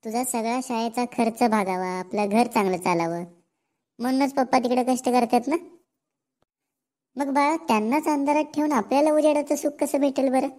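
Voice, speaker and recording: A woman's voice: fairly high pitch, normal speed, darkish tone, close to an everyday voice. A woman voicing a village mother in a cartoon, earnest and moralizing. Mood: lecturing. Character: village mother gently scolding her daughter. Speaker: voice actor. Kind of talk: cartoon dialogue.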